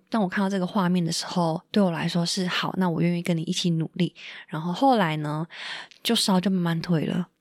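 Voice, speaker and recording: A woman's voice: on the low side, no echo, clean studio sound. A woman telling a personal story on a podcast, emotional and full of fillers and quoted dialogue. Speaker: podcast guest. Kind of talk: casual storytelling.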